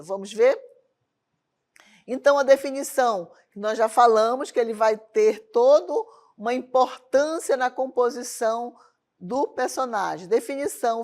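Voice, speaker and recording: A woman gives an arts class on educational television, in a slightly high voice. She keeps asking the students rhetorical questions and checking they follow along. It sounds like a lesson studio. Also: darkish tone. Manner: asks rhetorical questions to the class, tag questions like "certo?". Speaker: arts teacher. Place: lesson studio with a loom as a prop.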